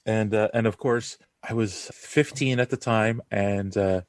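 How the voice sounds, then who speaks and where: A man's voice: on the low side, fairly even intonation, unhurried, no echo, clean studio sound. A man in his forties hosting a casual podcast over a video call, rambling and laughing often. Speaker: podcast host. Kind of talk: casual chat. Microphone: recording over a video call.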